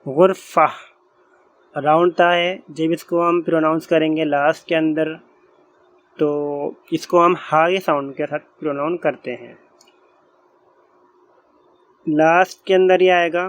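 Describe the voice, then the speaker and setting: A man teaching a grammar lesson, explaining patiently and repeating each point slowly as he writes on a board. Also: on the high side, steady tone. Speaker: Arabic teacher.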